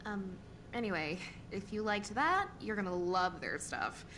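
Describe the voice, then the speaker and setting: An actress playing a teasing, slightly shy young musician in naturalistic video game acting. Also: female voice, mid-range voice, sing-song, a little slow, fairly bright tone, slight background noise, rough recording. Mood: playful.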